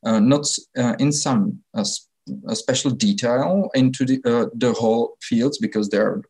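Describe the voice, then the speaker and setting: A man's voice: medium pitch, a little slow, a little mellow, husky. A thirty-year-old man with a Czech accent, a non-native speaker explaining things in an unscripted interview and often searching for words. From Czech Republic. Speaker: interview guest, technology innovator.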